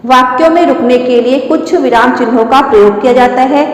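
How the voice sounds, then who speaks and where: A woman teacher giving a slow, explanatory grammar lesson and repeating the key terms. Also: high-pitched. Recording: echoey room with long reverb.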